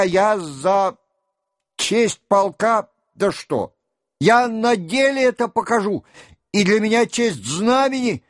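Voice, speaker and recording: An adult man reading a book aloud and voicing a young male count who pleads in an earnest, flustered, hurried way. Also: high-pitched, dry recording, clean studio sound, voice pushed up. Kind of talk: audiobook character reading.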